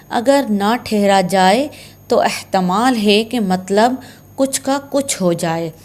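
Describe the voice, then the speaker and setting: A woman's voice: mid-range voice, a little mellow. A woman teaching Quran recitation signs in a patient, step-by-step way, repeating key terms. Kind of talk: slow explanatory lesson.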